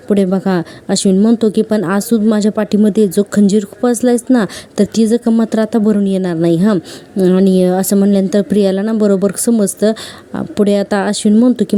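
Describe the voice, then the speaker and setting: A woman's voice: medium pitch, mellow. A woman casually recapping a television serial episode, retelling scenes and quoting the characters' lines in a chatty way full of fillers.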